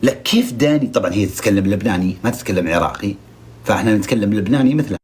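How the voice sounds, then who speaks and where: A man's voice: on the low side, animated, rapid-fire, darkish tone. Sarcastic male commentator. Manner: sarcastic, mocking, scolding. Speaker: reality show commentator. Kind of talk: comic commentary.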